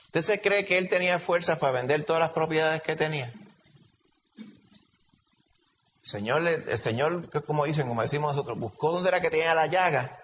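A man preaching a sermon with a Puerto Rican Spanish accent, animated and full of rhetorical questions. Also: a little high, normal speed, pauses often, a little hiss or hum. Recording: lo-fi recording with long hall reverb.

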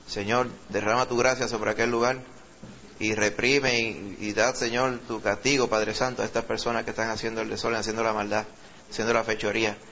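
A male pastor with a Puerto Rican accent who leads a sermon, reads scripture slowly with rising emphasis, and prays fervently, repeating "Señor" and "Padre". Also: fairly low pitch, level tone, bright, forceful tone, muffled recording, slight background noise. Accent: Puerto Rican Spanish. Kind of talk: sermon with scripture reading and prayer.

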